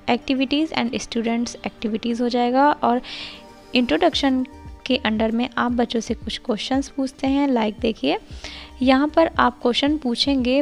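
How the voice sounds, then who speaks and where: A woman explains a lesson plan step by step as a tutor, moving between Hindi and English. She reads each English phrase slowly and deliberately. Her voice sits fairly high with a gravelly edge, and faint music plays behind her. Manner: slow deliberate reading of English lines. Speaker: teacher-training tutor.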